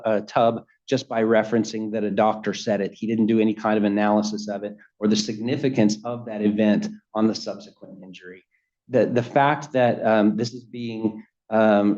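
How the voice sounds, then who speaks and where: Male attorney, courtroom argument, hurried and emphatic, muffled recording. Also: medium pitch, a little mellow. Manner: rapid, emphatic, repeats words on restarts. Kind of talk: appellate oral argument.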